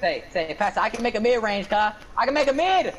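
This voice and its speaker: A man's voice: high voice, very animated, a little fast. Trash-talking man calling plays. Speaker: gamer playing online basketball with friends. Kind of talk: casual gaming chat.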